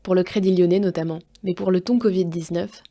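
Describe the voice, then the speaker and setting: A woman's voice: on the low side, fairly even intonation, brisk, mellow. A French woman narrating her podcast as host, with light, playful storytelling. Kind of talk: scripted narration.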